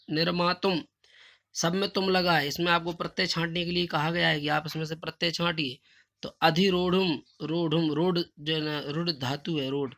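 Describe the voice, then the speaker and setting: A man teaching a Sanskrit lesson, reading questions slowly and emphatically, then explaining them in casual Hindi. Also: on the high side, bright, forceful tone. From India. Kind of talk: recorded classroom lesson.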